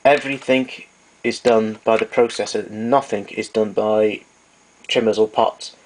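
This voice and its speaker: On a noisy amateur recording full of clicks, a man who repairs tape recorders gives an informal demonstration. His lowish voice holds a steady tone at a measured pace, and he explains things matter-of-factly, with slight hesitation.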